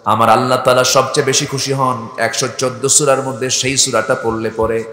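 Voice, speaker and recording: A man's voice: mid-range voice, little pitch movement, fairly quick, sharp tone. A man with a Bangladeshi Bengali accent preaching at an outdoor gathering on a school field, firing questions at the crowd and leading them in chanted recitation. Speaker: Islamic preacher. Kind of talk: open-air sermon with chanted recitation. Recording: echoey open-air PA sound.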